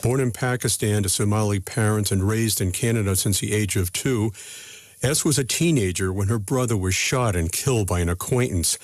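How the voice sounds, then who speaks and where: Man, news reporter, scripted narration, low voice, dry booth. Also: no echo. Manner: measured, deliberate storytelling.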